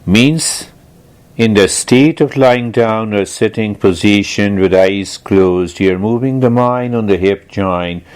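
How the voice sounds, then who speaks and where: Guiding a meditation session, a man explains things deliberately, asking questions and returning to key phrases as he instructs. He speaks with a fairly low pitch and a darkish tone.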